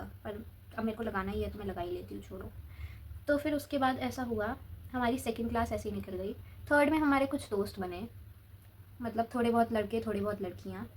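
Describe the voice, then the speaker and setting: A teenage girl chats through a long school story while she applies a face pack. She talks casually to her viewers in a slightly high voice. A faint background noise runs under the recording. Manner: chatty, says "bhai" often, talks while applying a face pack. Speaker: vlogger.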